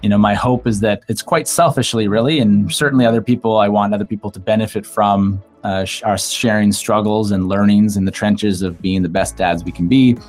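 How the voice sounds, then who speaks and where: A man's voice: fairly low pitch, steady tone, a little fast, few pauses, faint music behind. A man co-hosting a podcast, speaking earnestly and reflectively about fatherhood, telling a personal story. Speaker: podcast co-host. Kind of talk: earnest podcast intro talk.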